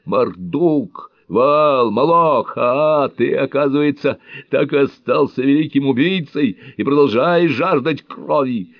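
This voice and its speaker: A man voicing a frenzied, half-naked priest who shouts and thunders at God, stretching his words out, in a dry, dull audiobook recording. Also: deep voice, sing-song, a little slow, no room sound, heavily acted. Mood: raging.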